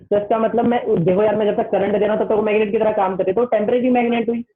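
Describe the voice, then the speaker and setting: A man teaching an online class with a Hindi accent, chatty and repetitive, reading the textbook aloud slowly in English. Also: high-pitched, steady tone. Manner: chatty, keeps saying "listen carefully", reads the textbook slowly in English. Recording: tinny phone-like online class audio.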